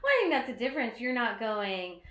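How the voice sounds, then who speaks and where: A woman in her late thirties hosting a casual podcast conversation, animated and quick to laugh, speaking bluntly and swearing now and then. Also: fairly high pitch, echoey room. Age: 30s.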